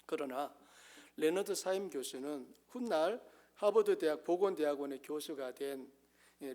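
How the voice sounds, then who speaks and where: Korean-speaking male pastor, fairly high voice, earnest sermon with emphatic peaks and hushed asides. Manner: earnest preaching, rising to emphatic highs and dropping to soft asides.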